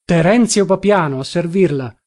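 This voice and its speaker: A man's voice: high-pitched, moderate pace, darkish tone, close to an everyday voice. A man reading an audiobook, voicing a scheming man who is excessively polite. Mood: ingratiating. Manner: courteous, obsequious.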